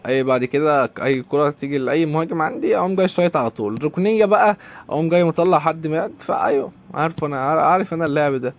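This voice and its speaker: Egyptian guy ranting fast over his football game, kinda high voice, keeps repeating himself. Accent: Egyptian Arabic. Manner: exasperated, rapid banter, repeats complaints. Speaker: gaming YouTuber. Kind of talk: live commentary over a football video game.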